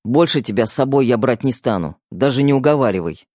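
A man's voice: medium pitch, animated, fast talker, a little mellow, no room sound, natural voice. A stern young brother, voiced by a male reader, speaks in short, irritated lines. The read is close and dry, like an audiobook. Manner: terse, hissing.

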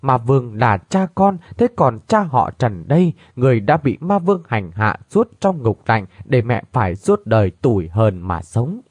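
A man's voice: sing-song, moderate pace, hardly any pauses, darkish tone, no room sound. A man voicing an anguished young woman in a read-aloud story, crying out in shock. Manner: cries out in high, anguished tones.

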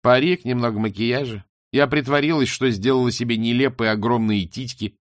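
A man voicing a bitter, scheming young woman singer who snaps, shouts and mocks in a storybook reading. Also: mid-range voice, fairly quick, no room sound, natural voice. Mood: mocking. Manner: snapping, shouting, mocking.

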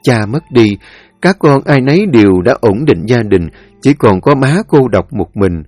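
A man reading a story in a solemn, expressive way. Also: medium pitch, a little slow, no echo, soft background music. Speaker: narrator. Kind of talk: scripted story narration.

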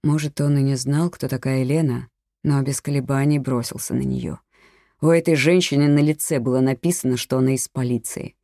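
Mellow, dry-voiced audiobook narrator. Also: mid-range voice, steady tone, brisk, gravelly, no room sound. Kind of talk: scripted thriller narration.

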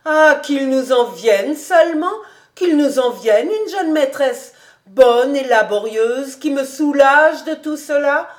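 Woman reader as old housekeeper: fussing, coaxing, a touch high, slow delivery. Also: lively intonation. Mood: wistful. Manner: eager, coaxing, chattering. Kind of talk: audiobook character reading.

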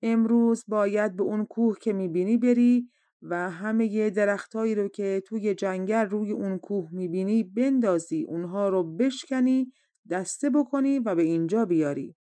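A woman's voice: medium pitch, dark tone, no echo, close to an everyday voice. A woman reading aloud the part of a stern old woman who sets hard tasks, in a commanding tone. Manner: commanding, demanding.

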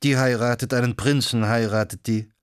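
A man's voice: mid-range voice, steady tone, moderate pace, smooth, no echo, studio quality, natural voice. A man voicing a spiteful, mocking female servant in an audiobook reading, with a venomous, sneering delivery.

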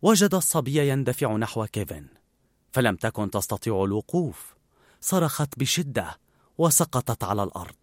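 Animated male storybook narrator. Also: medium pitch, no echo, clean studio sound. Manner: expressive, animated reading.

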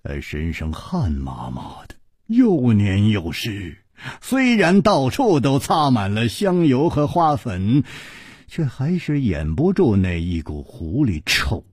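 一位男性说书人，生动地演播武侠小说。. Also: male voice, mid-range voice, takes it slowly, breathy edge, no room sound, studio quality. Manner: expressive, vivid, lively. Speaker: storyteller. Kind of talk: Chinese novel storytelling narration.

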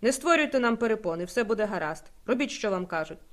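A woman's voice: mid-range voice, lively intonation, fast, close to an everyday voice. A woman voicing a cold, curt male official in a civilian suit, in an audiobook.

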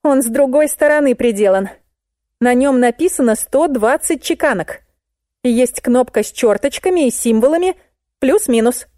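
A woman putting on a squealing, excitable plump client. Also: sits high, normal speed, no echo, studio quality, pitched above the performer's own voice. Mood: chatty. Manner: squealing and shrieking when alarmed. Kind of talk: audiobook character voice.

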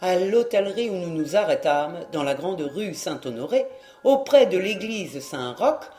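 A man reading a classic novel aloud as an audiobook, in measured storytelling. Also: fairly high pitch, animated, warm tone, soft background music. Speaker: audiobook reader. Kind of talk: audiobook narration. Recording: roomy echo.

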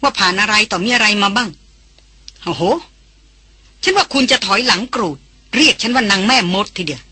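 A woman's voice: mid-range voice, lively intonation, moderate pace, husky, no room sound, full character voice. A woman voicing a worldly, teasing foreign lady. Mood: knowing. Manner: gently mocking, older-sister tone. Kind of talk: audiobook character reading.

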